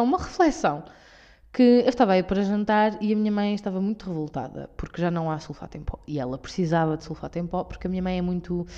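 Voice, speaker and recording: A woman's voice: on the low side, warm tone. Chatty young Portuguese woman, lo-fi. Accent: European Portuguese. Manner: chatty, self-mocking, rambling asides. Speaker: podcast host. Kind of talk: casual solo podcast monologue.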